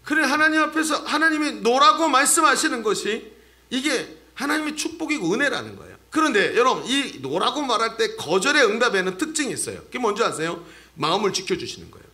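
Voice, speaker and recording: A man's voice: very high-pitched, sing-song, fairly quick, sharp tone. A male pastor preaching a sermon in a church, talking animatedly and addressing the congregation directly.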